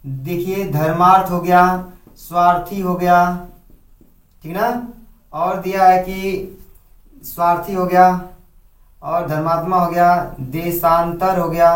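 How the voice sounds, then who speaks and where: A man's voice: high voice, little pitch movement, slow pace, pauses often. A man teaching a grammar lesson in a classroom style. He repeats each point and keeps asking his students questions, then answers them himself. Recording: echoey room, voice from a distance.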